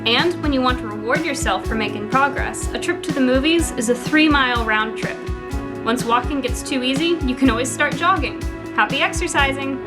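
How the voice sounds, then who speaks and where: A woman's voice: sits high, brisk. A woman reading an upbeat public service ad. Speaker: ad announcer. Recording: music bed under voice.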